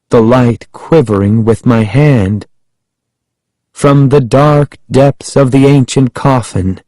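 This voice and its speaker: A man reading a children's horror book aloud in the first person, slow and suspenseful with dramatic emphasis. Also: medium pitch, dark tone, dry recording. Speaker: audiobook reader.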